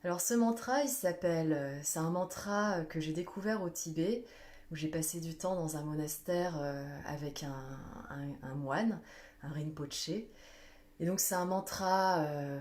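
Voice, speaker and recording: Gentle woman guiding a meditation. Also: on the low side. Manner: slow, gentle, with many hesitations. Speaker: meditation guide. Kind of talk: guided meditation on a live stream. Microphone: phone or webcam for a social media live.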